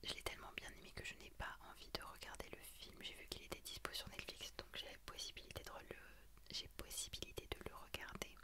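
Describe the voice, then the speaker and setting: Whispering young woman, ASMR book chat. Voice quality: breathy unvoiced whisper. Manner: hushed library-style whisper, hesitant pauses. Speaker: ASMR creator.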